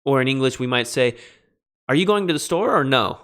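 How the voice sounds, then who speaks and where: Animated man lecturing on Greek grammar. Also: mid-range voice. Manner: animated, emphatic teacher with quick asides. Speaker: Greek instructor. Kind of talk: recorded classroom lecture.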